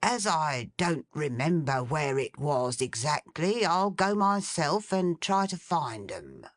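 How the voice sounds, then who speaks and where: A woman reading the part of Trotty, an excitable, fond old man, in a lowered, bustling voice. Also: takes it slowly, no echo, clean studio sound, full character voice.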